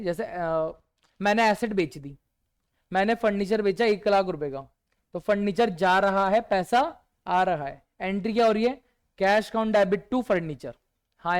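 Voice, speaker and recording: A male teacher with a high, clean voice gives a revision lecture, repeatedly posing rhetorical questions to his students. He answers many of them himself with quiet one-word replies.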